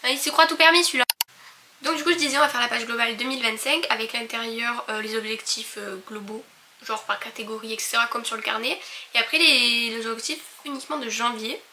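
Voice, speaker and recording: A woman's voice: on the high side, fairly even intonation, quick pace, pushed and bright, slight background noise. A young woman chatting casually to camera in her own bedroom, full of fillers and restarts. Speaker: vlogger. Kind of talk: casual vlog chat.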